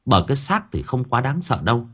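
A man narrating an audiobook story dramatically, slowing down for suspense. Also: medium pitch, very animated, a bit bright, slightly rough.

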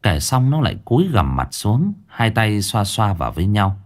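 Low-voiced man narrating a ghost story. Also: moderate pace. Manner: lively, colloquial storytelling.

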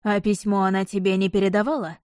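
A woman's voice: medium pitch, level tone, fast, darkish tone, no echo, clean studio sound, natural voice. A woman reading an audiobook voices a stern, suspicious nobleman who questions his servants in terse, commanding lines.

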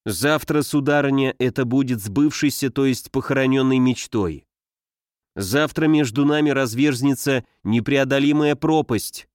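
A man's voice: mid-range voice, a little slow, dry recording, close to an everyday voice. Man as young suitor, passionate, insistent, dry recording.

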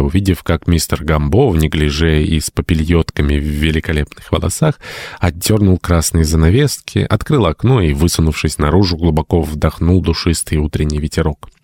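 A man narrates an old novel in a measured, storytelling manner. His voice sits very low and deep. The recording is dry and close, with no room sound. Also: a little mellow, no room sound. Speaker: audiobook narrator. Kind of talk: scripted narration.

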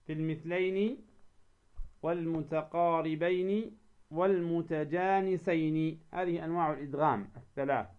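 A man with a somewhat high voice teaches recitation in a slow, deliberate way. He poses questions and answers them himself, repeating example words to model the sounds. The recording is dull and lo-fi. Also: fairly even intonation. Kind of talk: recorded lesson.

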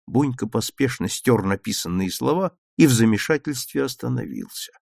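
A man narrating a children's story aloud in an expressive, lively reading style. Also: mid-range voice, moderate pace, creaky, no room sound, clean studio sound.

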